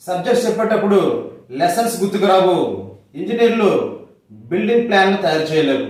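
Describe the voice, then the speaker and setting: High-voiced man explaining in a very echoey room. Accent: Telugu. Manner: steady, measured delivery in short listed phrases. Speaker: homeopathy health educator. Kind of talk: scripted explanatory narration. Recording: very echoey, from far off the mic.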